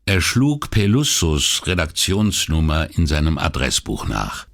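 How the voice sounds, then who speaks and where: A man reading a crime novel aloud in a measured, steady scripted narration. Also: very deep voice. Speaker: audiobook narrator.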